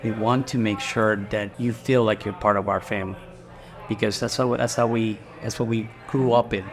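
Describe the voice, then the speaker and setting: In a lowish, steady voice at an ordinary pace, a middle-aged man from Guatemala who runs a restaurant talks informally in an interview. He wanders a bit, using fillers and starting sentences over.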